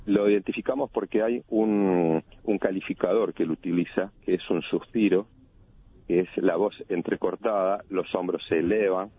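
A man's voice: sits low, fairly even intonation, moderate pace. A man, an analyst of body language, explaining over the phone in a teaching way and chanting examples of intonation. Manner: didactic, demonstrates intonation by chanting. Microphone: phone call. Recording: tinny phone line.

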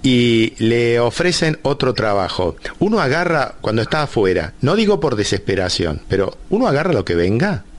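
Radio host, man, talkative and playful, thinks out loud. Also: mid-range voice, sing-song, normal speed, few pauses. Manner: chatty, teasing, thinks aloud. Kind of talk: radio interview.

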